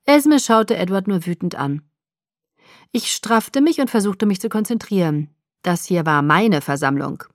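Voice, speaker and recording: A woman reading a novel aloud as a first-person narrator, in an even, measured way. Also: medium pitch, dry recording, clean studio sound. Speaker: audiobook narrator.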